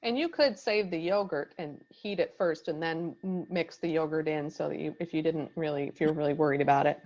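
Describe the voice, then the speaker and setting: A woman's voice: low-pitched, a little fast, darkish tone, muffled recording. A woman co-hosting a cooking class, relaying viewer questions in casual, friendly chat. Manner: friendly, laughs easily. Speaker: co-host reading viewer questions.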